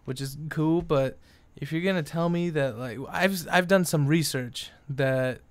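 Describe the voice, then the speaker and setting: A man's voice: on the high side, a little slow, no room sound. Young male vlogger, exasperated, swearing a lot, rambling opinions; clean, resonant tone, dead-dry room. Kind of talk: casual opinion rant.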